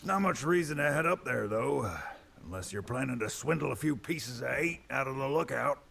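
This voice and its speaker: An actor playing a sly pirate-town local in a video game, giving tips in a dry, teasing, conspiratorial way. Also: male voice, mid-range voice, lively intonation, brisk, vocal fry, fairly bright tone, full character voice. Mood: sly, helpful. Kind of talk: video game character dialogue.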